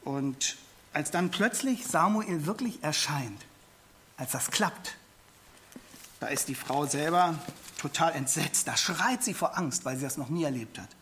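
German-speaking preacher, slightly high voice. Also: male voice, lively intonation, unhurried, a bit bright, slight background noise. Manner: expository Bible teaching, addresses listeners directly; repeats words when emphasizing. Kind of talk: sermon.

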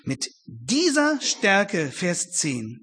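A man preaching a sermon in German, speaking emphatically, addressing his listeners directly and slowing down on quoted Bible verses. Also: sits high, wildly swooping pitch, fairly bright tone, breathy edge.

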